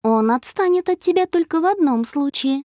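A woman voicing a bright, teasing girlfriend. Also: medium pitch, wildly swooping pitch, brisk, no echo, studio quality. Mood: breezy. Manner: bright, offhand. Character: breezy, teasing young woman friend.

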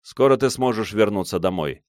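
A man voicing a young clan head who speaks in a flat, indifferent, commanding tone. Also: on the low side, normal speed, no echo, studio quality, close to an everyday voice. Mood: cold. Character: cold young male clan head, calm, steely.

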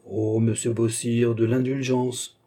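A man voicing a calm, mildly mocking gentleman who speaks unhurried and polite in an audiobook reading. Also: mid-range voice. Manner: smooth, unhurried, politely ironic.

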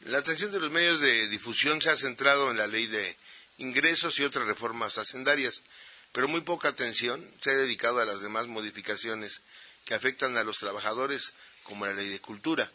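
A man co-hosting a radio news show, hesitant in chat and steady when he reads the segments. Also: mid-range voice, brisk, slight background noise, poor audio. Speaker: radio co-host.

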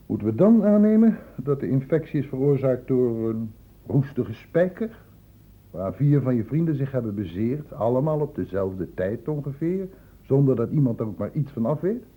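In an old radio play with a dull, lo-fi recording, an actor plays a patient but probing public-health doctor who explains things and questions insistently with short, pointed prompts. The male voice is medium-pitched, husky, and very animated, moving at a moderate pace in an insistent, lecturing mood.

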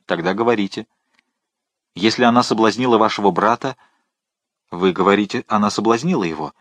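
A man voicing a vengeful man disguised as a monk, speaking slowly, hard and commanding. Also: on the low side, fairly bright tone, dry recording. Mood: probing.

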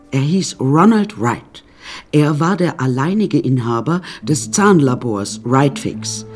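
In a radio play, an actress with a low-pitched voice plays a flamboyant, unsinkable woman narrating her own life. Her delivery is wry, chatty and theatrical.

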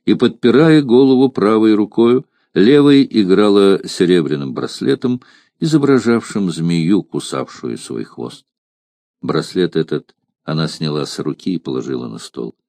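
A man narrating an audiobook in a measured, expressive reading. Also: on the low side, dry recording, studio quality.

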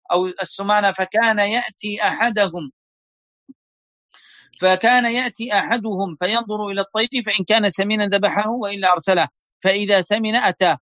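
Male sheikh, high voice, quick steady recitation, dull lo-fi online audio. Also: dry recording. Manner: fast steady recitation of narrator chains. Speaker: sheikh teaching a lesson. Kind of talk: reading hadith chains aloud in an online class.

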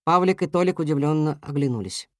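A narrator reading a children's story aloud in an even, gentle manner. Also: mid-range voice, fairly quick, no echo, studio quality.

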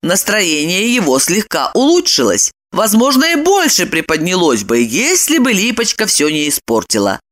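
A woman narrating an audiobook in an expressive, lively storytelling manner. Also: on the low side, normal speed, few pauses.

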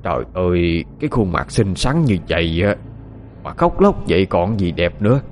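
A man's voice: lowish voice, expressive, moderate pace, slight background noise, close to an everyday voice. A man doing a leering, bullying village official. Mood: wheedling. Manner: domineering, threatening, then falsely sweet. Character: lecherous cruel village official, middle-aged man.

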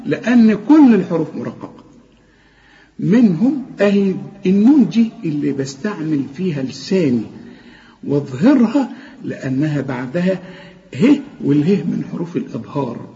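Egyptian tajweed teacher, male, mellow fairly high voice, drills words slowly, dull lo-fi audio. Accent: Egyptian Arabic. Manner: corrects pronunciation, repeating words slowly and drawn out. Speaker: Quran recitation teacher. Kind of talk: tajweed correction lesson.

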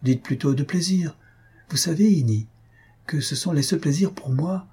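A man's voice: on the high side, moderate pace, mellow, slightly rough, pitched above the performer's own voice. A man voicing a cheerful, coy young woman about to marry, in a playful, bashful way, for an audiobook. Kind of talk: audiobook character voice.

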